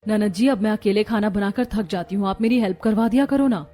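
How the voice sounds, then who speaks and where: A woman voicing a meek, gentle young daughter-in-law in a cartoon story, speaking politely. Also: medium pitch, fairly quick, natural voice.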